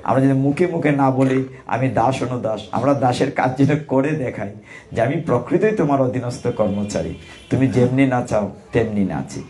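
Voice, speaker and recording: A man giving a devotional discourse on scripture, preaching earnestly and reciting Sanskrit verses slowly. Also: mid-range voice, dark tone. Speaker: Gita preacher.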